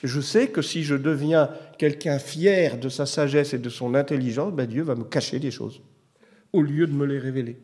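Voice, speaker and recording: A man's voice: medium pitch, moderate pace, a little mellow, breathy edge. A middle-aged man preaching a sermon in a conversational way, telling personal stories and rising to emphatic bursts. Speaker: pastor.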